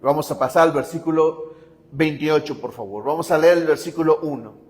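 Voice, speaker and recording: A man's voice: a little high, brisk, darkish tone, in a large hall. A male pastor preaching a sermon with emphasis, often asking the congregation whether they follow him.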